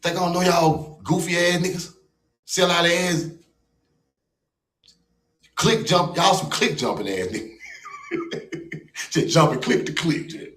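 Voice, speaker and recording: An American man hosts a livestream, ranting in a mocking, confrontational, and profane manner. His voice is fairly high and a bit bright, with a roomy echo in the recording.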